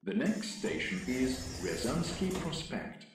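A man making a recorded metro announcement over the train loudspeaker in very deliberate, formal phrasing. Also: medium pitch, very animated. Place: inside a metro train car. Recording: echoey loudspeaker from far off, noisy.

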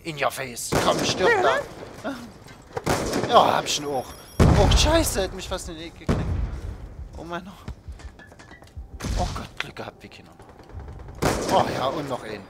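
A young man hosting his own gaming video, giving excited play-by-play of a shooter match and yelping at every hit. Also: fairly high pitch, moderate pace, pauses often. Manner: yelps and groans at the game, shouting in bursts. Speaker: gaming channel host. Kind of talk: excited Call of Duty commentary. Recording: loud background game noise.

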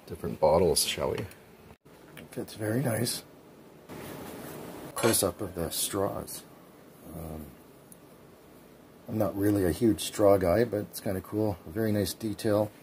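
Over footage of his bike build, a man in his forties who makes cycling vlogs talks in a low, darkish voice, chatting easily with plenty of ums. A slight hiss or hum can be heard.

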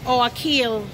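A young woman from Jamaica talks casually to her viewers while shopping, her accent strong and her voice a touch high. She chats and laughs as she walks, with the phone held at arm's length. Store noise stays clearly audible behind her. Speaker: vlogger. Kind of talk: casual vlog chat. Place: large indoor supermarket. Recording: loud store background noise.

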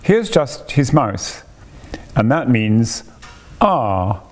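A man reading aloud and voicing an eager, bright little cave girl who pleads earnestly and bubbles with excitement. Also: medium pitch, extremely slow.

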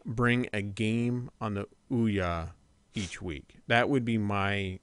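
A man's voice: lowish voice, steady tone, slow pace, clean tone, no echo. A man hosting a casual gaming podcast, rambling and trailing off as he talks. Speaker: podcast host. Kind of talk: casual chat.

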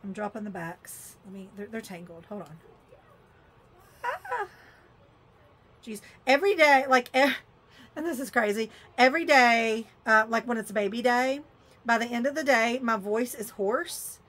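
Animated and fairly bright, her high-leaning voice moves at a measured pace as she unboxes a shopping haul for the camera. She chats casually, with exclamations and muttering while fiddling with each piece.

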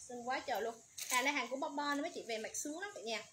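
Woman, livestream seller, high bright voice, quick repetitive patter, loud background noise. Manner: rapid, repetitive sales patter calling out codes and prices. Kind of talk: livestream sales pitch.

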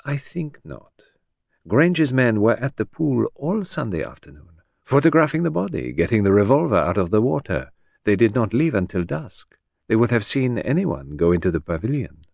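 A man voicing a fastidious middle-aged male detective, precise and probing, in an audiobook. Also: mid-range voice, big pitch swings, vocal fry, darkish tone, dry recording, clean studio sound. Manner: precise, probing, coolly insistent. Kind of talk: audiobook character voice.

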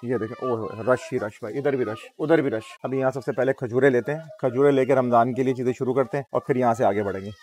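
Speaking fast with few pauses, a man in his thirties with a Pakistani accent has a medium-pitched, darkish voice. He hosts a shopping vlog, chatting casually and often repeating his phrases in a busy supermarket and its car park.

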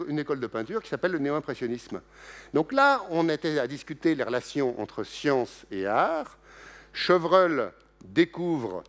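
A middle-aged man giving a public science lecture, joking and lively, with many restarts and asides. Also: on the high side. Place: lecture hall.

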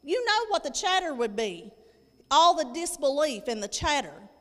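Very animated and high-pitched, with a bit of brightness, a woman in her thirties preaches at normal speed from a lectern on a church stage. She reads scripture, explains it emphatically, and repeats phrases for weight. The handheld-mic recording has the long reverb of an echoey hall.

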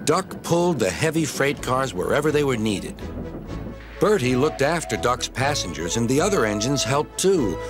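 A man narrating a children's train story in a gentle, expressive storytelling manner. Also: medium pitch, moderate pace. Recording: narration over music.

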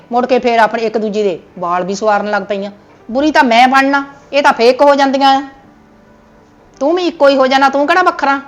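A woman playing the mother in a Punjabi family comedy sketch, grumbling wearily. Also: high-pitched.

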